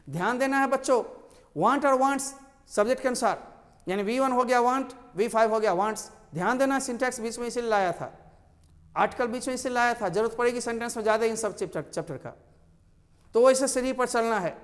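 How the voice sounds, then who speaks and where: Male tutor, high voice, stresses and repeats words, reverberant classroom. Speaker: English teacher. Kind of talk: classroom lesson.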